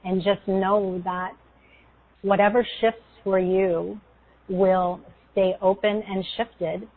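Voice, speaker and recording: A woman speaking in a soothing, unhurried way with pauses between phrases, as if leading a guided meditation. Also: medium pitch, little pitch movement. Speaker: guest energy healer leading a guided meditation. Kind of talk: guided meditation and spiritual talk. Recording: tinny, phone-like call audio.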